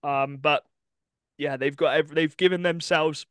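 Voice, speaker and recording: A young man with a fairly high, smooth and clear voice talks fast and keenly through sports news as a podcast co-host. He sounds close to the mic in a dry room, full of asides and little laughs. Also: fairly even intonation, a bit bright, no echo. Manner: chatty, enthusiastic, quick asides and laughs. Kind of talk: casual sports chat.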